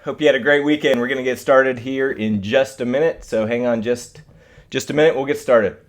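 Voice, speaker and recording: A man's voice: mid-range voice, fairly quick. A man hosting a live instructional webcast in a casual style, addressing his viewers directly. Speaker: host of a live trading webcast.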